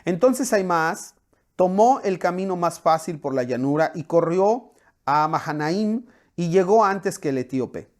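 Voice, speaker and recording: A man's voice: fairly high pitch, darkish tone. A man with a Mexican Spanish accent, a pastor reading scripture expressively and then explaining it with spoken fillers. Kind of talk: sermon with Bible reading.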